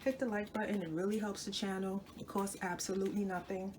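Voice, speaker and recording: This cooking-channel host talks fast in a medium-pitched, level voice over background noise. She makes a recipe in her home kitchen and chats casually with her viewers as she goes. She sounds slightly stuffy from a cold and often corrects herself.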